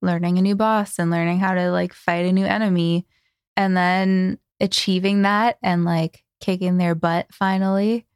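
A woman hosting a podcast in casual chat, animated and quick to laugh, acting out quotes. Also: on the low side, clear, resonant tone, dry recording, studio quality. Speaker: podcast host.

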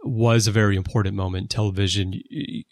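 A man hosting a casual podcast conversation, explaining background at length with lively emphasis. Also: fairly low pitch, fast talker, no echo. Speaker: podcast host. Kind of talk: casual conversation about a TV series. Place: lives in Japan.

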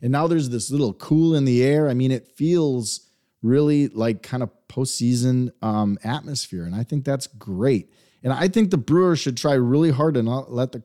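A chatty man co-hosting a casual sports podcast. His voice is mellow and warm, his pitch is middling, and he pokes fun at himself, laughing as he goes. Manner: chatty, self-deprecating, laughs often. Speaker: podcast co-host.

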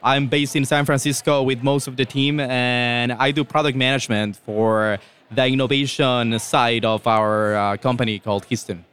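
A man from Ecuador, a product manager, giving measured interview answers with some hesitant fillers. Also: medium pitch, fairly even intonation, a bit bright, clear, resonant tone. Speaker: product manager, hackathon guest.

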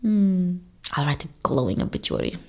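In an audio drama, a woman plays a vain, theatrical Russian escapologist, grandiose and thoroughly self-admiring. Her voice is on the low side with big pitch swings, delivered at a moderate pace.

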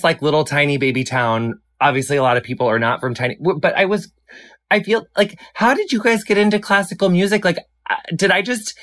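A podcast host runs a casual conversation with gushing enthusiasm, firing off questions and calling the guests honey. The voice sits at a middling pitch. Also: a bit bright. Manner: chatty, gushing, calls people honey.

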